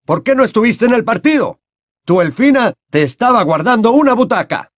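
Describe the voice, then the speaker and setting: A man's voice: very high-pitched, expressive, dry recording, studio quality, voice pushed up. A man reading an audiobook and voicing a flustered, breathless male wizard official who fires off questions. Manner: rapid-fire questions, flustered.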